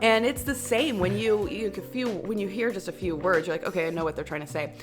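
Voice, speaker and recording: A woman's voice: medium pitch, brisk, music in the background. A woman from the American Midwest co-hosting a podcast, chatting casually, laughing often and using lots of fillers. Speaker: podcast co-host. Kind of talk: casual chat.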